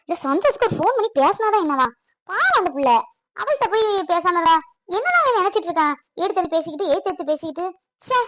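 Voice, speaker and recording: A woman's voice: very high voice, big pitch swings, fast talker, fairly bright tone, no room sound, exaggerated voice. A woman playing a middle-aged mother who talks on the phone in a reassuring, chatty way, in a family skit. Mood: irritated.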